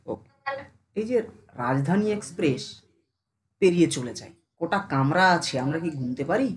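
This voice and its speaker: Teacher in a casual online class, very animated up-and-down voice, keeps checking if students get it, drags syllables out slow. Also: medium pitch. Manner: addresses students familiarly, asks them constant check questions; slows down to sound out syllables one by one.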